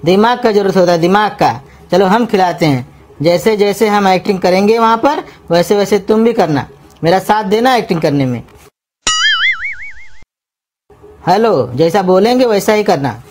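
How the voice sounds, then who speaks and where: A woman voicing a scheming young man who coaxes and flatters to get free food in a comedy cartoon. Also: mid-range voice, normal speed, slight background noise, lightly acted. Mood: coaxing. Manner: coaxing, flattering, persuasive. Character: scheming young man, sweet-talking and crafty. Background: music.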